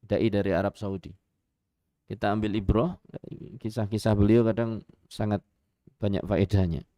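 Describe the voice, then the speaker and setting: A Javanese-accented Islamic preacher gives a lively radio sermon, telling stories, posing rhetorical questions and chuckling along the way. He speaks at a normal pace in a lowish voice, recorded cleanly in a studio with no echo.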